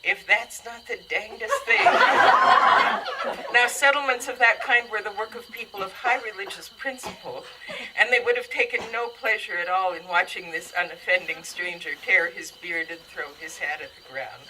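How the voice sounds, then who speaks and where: A woman's voice: medium pitch, normal speed, pushed and bright, low-quality recording. A woman reading a story aloud to an audience in a dry, wry manner. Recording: audible background noise.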